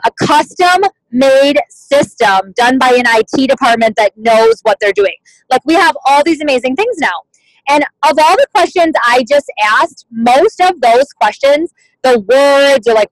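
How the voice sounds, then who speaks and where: A woman with a high, bright-pitched voice runs a motivational team meeting, chatty and casual, peppering her talk with "like" and "you guys". The sound is close and dry, as if from a computer mic on a video call. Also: no echo, rough recording. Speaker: team leader at a sales meeting.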